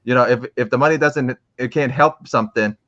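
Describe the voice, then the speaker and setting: A man's voice: medium pitch, fairly quick, fairly bright tone, muffled recording. A young adult man from Florida, a guest in a casual interview, talking in a rambling way full of restarts and fillers. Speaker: interviewed guest, comic collector.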